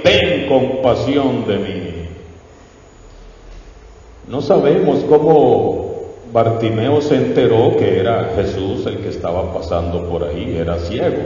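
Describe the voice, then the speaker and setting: Slow, deep-voiced priest in echoing church. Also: male voice, warm tone. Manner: exhorting, asks the congregation questions. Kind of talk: sermon. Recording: echoey church from far off, dull lo-fi.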